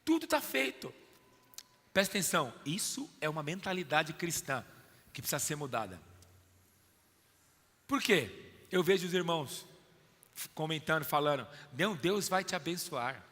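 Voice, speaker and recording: High-voiced preaching Brazilian man. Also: very animated, normal speed, pauses often, fairly bright tone, in a large hall. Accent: Brazilian Portuguese. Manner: emphatic preaching, often addressing listeners as "filho" and "querido". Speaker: pastor. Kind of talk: sermon.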